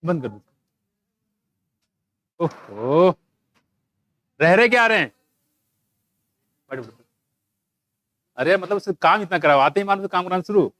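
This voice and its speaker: A man's voice: sits high, expressive, measured pace, pauses often, fairly bright tone, no echo. A man teaching biology to a live class, quizzing students by name and scolding them with jokes. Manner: teasing, scolding, jokey, calls students by name. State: dry throat from shouting.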